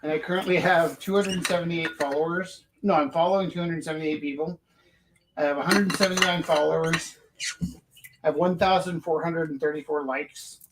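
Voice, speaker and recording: A man's voice: on the high side, steady tone, fairly quick, background noise. A man co-hosting, chatting casually in a rambling, matter-of-fact way. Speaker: co-host and teacher. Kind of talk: casual chat.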